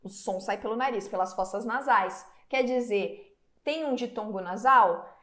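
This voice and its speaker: Slow-talking Brazilian woman teacher. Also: on the high side, fairly bright tone. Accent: Brazilian Portuguese. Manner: explains step by step, checks in often with the class; stretches out example words syllable by syllable. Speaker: Portuguese teacher. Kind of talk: online exam-prep lesson.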